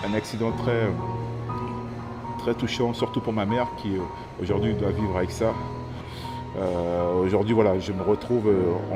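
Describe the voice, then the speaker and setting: A fairly low-voiced man in his thirties from French Guiana tells his own story, slow to find his words and thoughtful. Clear music plays behind him. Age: 30s. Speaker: interviewee. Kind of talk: personal testimony.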